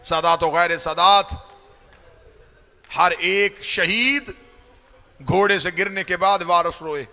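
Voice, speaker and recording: A man, a cleric leading a mourning gathering, chanting a grieving sermon into a microphone that swells into loud wailing cries. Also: sits high, steady tone, takes it slowly, pauses often, long reverb tail. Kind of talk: impassioned sung mourning sermon. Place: Karachi, gathering hall.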